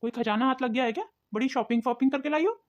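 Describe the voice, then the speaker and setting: A woman plays a suspicious young husband in a cartoon, pitched high for a man and talking fast. The sound is a little dull. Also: lightly acted. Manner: suspicious, questioning. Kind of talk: cartoon voice acting.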